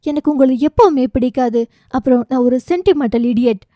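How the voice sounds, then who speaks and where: A proud, wounded young heroine of an audiobook romance, as the woman narrating puts her on, her lines clipped and bitter. The voice sits high and mellow, recorded dry and close. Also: brisk, dry recording, close to an everyday voice.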